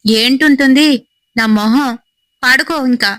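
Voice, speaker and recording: A woman's voice: sits high, moderate pace, no room sound, pitched above the performer's own voice, natural voice, rough recording. A woman voicing a drowsy, irritable young wife in a spoken horror story, scolding in an annoyed way.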